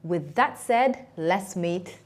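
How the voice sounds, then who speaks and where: Measured woman hosting a panel talk. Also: on the low side, lively intonation. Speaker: podcast host and moderator. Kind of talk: moderating a panel discussion.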